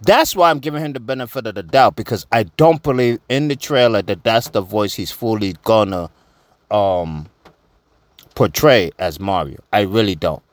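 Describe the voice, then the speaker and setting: A man giving casual opinion commentary, slangy, animated and repeating himself. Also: lowish voice, normal speed, no echo. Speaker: vlogger.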